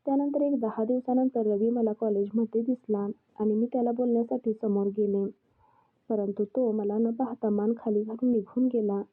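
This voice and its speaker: A woman's voice: on the high side, fairly even intonation, normal speed. Woman telling a story on a tinny line. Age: young adult. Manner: plain confessional telling. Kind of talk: first-person story narration. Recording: tinny phone-like sound.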